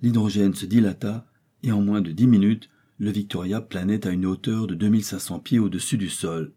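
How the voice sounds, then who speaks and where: Male audiobook narrator: measured, low, dark, slightly husky. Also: fairly even intonation. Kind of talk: scripted narration.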